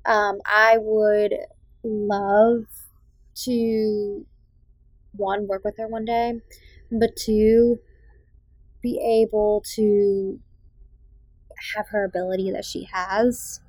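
A young adult podcast host from Massachusetts's South Shore, with a faint Boston accent, chats opinionatedly through a casual movie review, dropping frequent ums. Her medium-pitched, darkish voice is flat and very slow, with long pauses. The recording is dry and low quality.

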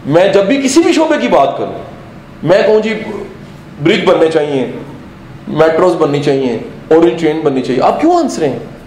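A man giving an animated motivational lecture to a live audience, full of rhetorical questions and bits of English and Punjabi. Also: fairly high pitch, roomy sound, slight background noise, low-quality recording. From Pakistan. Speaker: motivational speaker.

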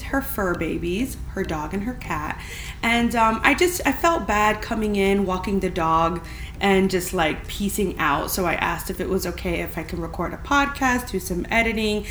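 A woman's voice: medium pitch, a bit bright. A young adult woman hosting a casual solo podcast, talking in a chatty, candid way from a big, empty apartment that gives her voice a big echoey room sound. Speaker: podcast host. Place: spacious, empty apartment indoors. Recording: echoey room with faint background hiss.

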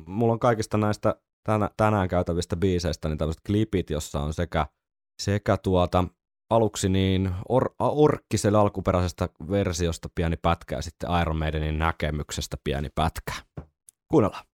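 A man's voice: low voice, dry recording, clean studio sound. A man co-hosting a podcast, chatting casually and laughing often. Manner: laughs often, relaxed banter. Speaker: podcast co-host. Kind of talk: casual chat.

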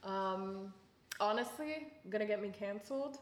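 A woman's voice: mid-range voice, measured pace. A young woman co-hosting a casual chat podcast, playful and giggly, dropping to a murmur while she searches for things. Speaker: podcast co-host. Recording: echoey room, faint background hiss.

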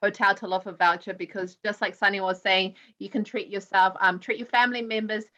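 A woman's voice: medium pitch, little pitch movement, brisk, sharp tone. A woman hosting a chatty live podcast in a gushing, appreciative manner. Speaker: podcast host.

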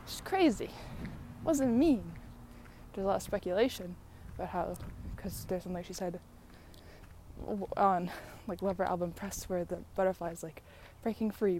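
American woman chatting amid clear traffic noise. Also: fairly low pitch, a little mellow. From San Diego, United States. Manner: musing and effusive, laughs easily. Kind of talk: casual rambling solo chat. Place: outdoors on a walk near traffic. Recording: outdoor traffic noise, passing vehicles. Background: passing trucks and ambient noise.

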